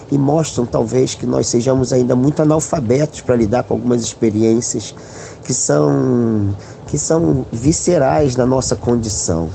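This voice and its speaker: A man, a philosophy professor, giving a thoughtful podcast monologue and slowing down on key words. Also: medium pitch, vocal fry, mellow, a little hiss or hum, rough recording.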